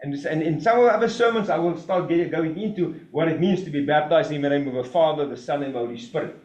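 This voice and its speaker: A man preaching a sermon in an emphatic, animated way, with mocking asides. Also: on the high side, quick pace. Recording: roomy echo.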